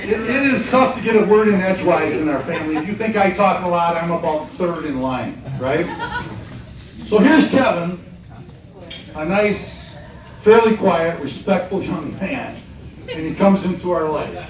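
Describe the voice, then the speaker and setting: A man's voice: high-pitched, expressive, normal speed, a crowd in the background. A middle-aged man giving a father of the bride speech, telling joking stories and checking in with the audience. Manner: joking, storytelling, rhetorical check-ins with the audience. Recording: echoey room, distant mic, faint noise.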